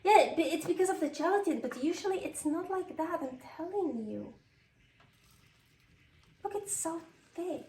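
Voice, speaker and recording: She has a very high, expressive voice with a darkish tone, talking at normal speed and pausing often. The cooking vlog host comes from Switzerland and speaks Californian English with a Swiss tinge, rambling casually and self-deprecatingly as she cooks at home, exclaiming when things go wrong. The recording is roomy, from a distant mic, with faint noise.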